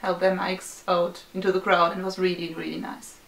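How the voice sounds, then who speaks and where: A woman's voice: on the low side, little pitch movement, a little fast, gravelly, a bit bright. A young woman, chatting enthusiastically as a vlog co-host about a concert she attended. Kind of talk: casual chat reviewing a concert. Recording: roomy, distant mic, faint noise.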